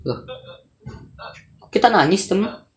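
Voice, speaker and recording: A woman's voice: mid-range voice, expressive, unhurried. A woman giving casual gameplay commentary as host, chatty, sighing and groaning as she talks to her viewers. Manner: chatty, sighs and groans, addresses viewers as guys. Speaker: gaming host.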